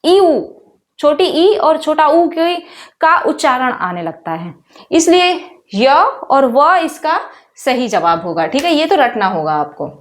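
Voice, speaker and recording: A woman teacher with a high voice walks through exam questions at an unhurried pace. She keeps quizzing her students and says each sound out loud, drilling it. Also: very animated. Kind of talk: exam-prep lesson.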